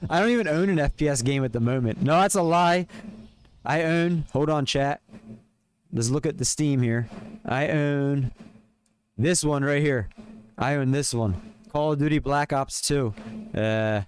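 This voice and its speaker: A young Pennsylvania man with a Philadelphia accent rambles casually to his stream viewers, friendly and chatty with lots of fillers. His voice is on the high side and his pace measured, broken by long pauses. There's slight background noise.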